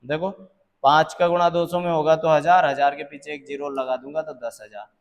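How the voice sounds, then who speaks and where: A man tutoring physics, slowly working through exam problems and checking that students follow. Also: on the high side, steady tone. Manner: calls students "beta", checks understanding; slow, deliberate explaining.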